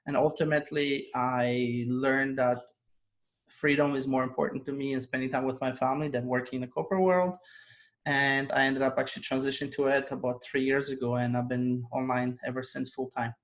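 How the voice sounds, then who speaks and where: A Polish online business coach tells his story earnestly as a guest in a casual video-call interview, laughing often. His mid-range voice holds a level tone and runs a little fast.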